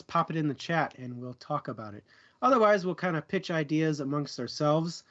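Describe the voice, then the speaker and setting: On a book discussion show's livestream, a male co-host keeps things jokey and pun-filled while chatting casually and plugging things. His voice is a little high, and the recording's highs are cut off.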